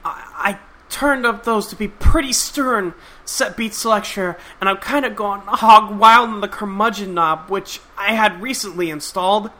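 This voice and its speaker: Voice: medium pitch, a little slow, hardly any pauses, sharp tone, pitched above the performer's own voice. A reader voicing a timid young male troll who talks hesitantly and stammers politely.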